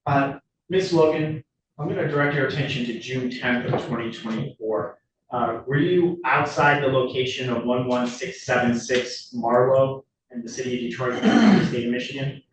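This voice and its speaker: A man speaking as a prosecutor, formally questioning in court with halting, rephrased wording. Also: mid-range voice. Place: indoor courtroom. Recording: very echoey courtroom, distant mic, clear noise.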